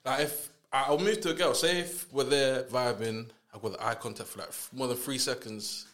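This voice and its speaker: A man's voice: medium pitch, moderate pace, fairly bright tone. A young man in his twenties with a London roadman street accent, bantering casually and jokily in slang, often repeating his phrases. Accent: London, urban street style. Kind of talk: casual banter among friends. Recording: echoey room with faint background noise.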